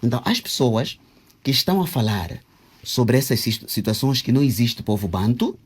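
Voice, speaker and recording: A man, speaking in a husky, slightly breathy voice. He teaches as he talks and slows down to sound out words syllable by syllable, with frequent hesitations. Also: medium pitch, very animated. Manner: didactic, spells out Kikongo words syllable by syllable with many hesitations. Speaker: interviewee, self-proclaimed traditional king. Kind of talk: explanatory interview answers.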